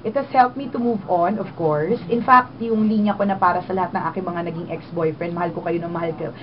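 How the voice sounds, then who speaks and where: A woman's voice: lowish voice, a little fast. A woman in her twenties with a Filipino accent, a radio DJ telling her story in an interview, mixing Tagalog and English. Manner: animated, switches between Tagalog and English. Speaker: radio DJ guest. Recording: dull lo-fi sound with clear noise.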